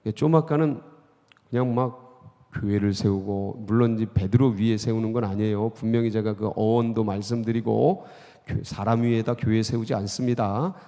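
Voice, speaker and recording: Gravelly-voiced male pastor in reverberant church. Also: fairly low pitch, steady tone, moderate pace. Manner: keeps asking the congregation questions, then bursts out loud when quoting scripture. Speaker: senior pastor. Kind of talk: Korean church sermon. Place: church sanctuary.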